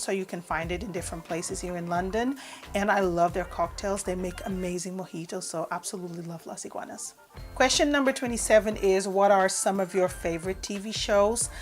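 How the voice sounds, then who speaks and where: Her voice mid-range, a Portuguese-native vlogger in her forties reads out tag-video questions one by one and answers with plenty of "um"s, chatting casually. The get-to-know-me video is filmed in her UK home.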